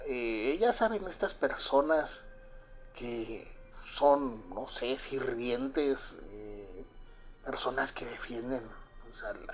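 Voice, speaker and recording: Born in Cuba and raised in Mexico, this man speaks with a Mexican Spanish accent in a fairly high voice with a breathy edge. He recounts a first-person memory haltingly and confidingly, full of fillers and restarts.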